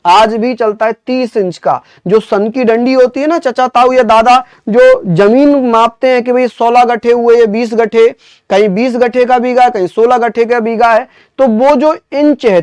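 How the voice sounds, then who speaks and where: A man's voice: very high-pitched, a little mellow, smooth, no echo. A man teaching a history lesson to exam students, drilling facts by asking and answering his own questions, with chatty asides. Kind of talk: online exam-prep lecture.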